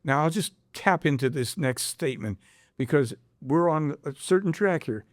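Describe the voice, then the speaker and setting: A podcast host with a fairly high, expressive voice reads a prophetic text aloud at a moderate pace, breaking off for his own commentary and rhetorical questions in casual discussion. The recording is dry, with clean studio sound.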